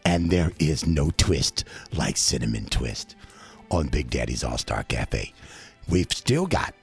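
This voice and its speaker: A man's voice: rumbling low, big pitch swings, takes it slowly, creaky, breathy edge, soft background music. A man hosting a comic radio call-in show, boisterous and wisecracking. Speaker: radio host.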